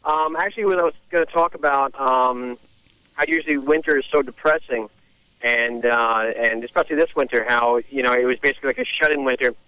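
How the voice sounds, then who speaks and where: A man calling in to a radio show, talking casually with many pauses and fillers. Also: medium pitch, pushed and bright, clean tone, no echo, rough recording. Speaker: caller. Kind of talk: casual phone-in chat.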